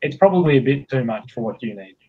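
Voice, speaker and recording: A man's voice: mid-range voice, lively intonation, fast, highs cut off. An Australian man chatting casually on a video call, dry and joking.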